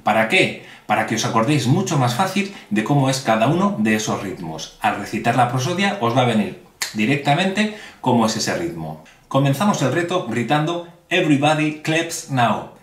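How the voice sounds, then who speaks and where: A man's voice: mid-range voice, sing-song, distant mic. Friendly man teaching a clapping rhythm. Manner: friendly, slow and clear, addresses viewers directly. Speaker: music teacher. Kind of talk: video tutorial, clapping rhythm chants. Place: indoors at a table. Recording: roomy sound with music behind.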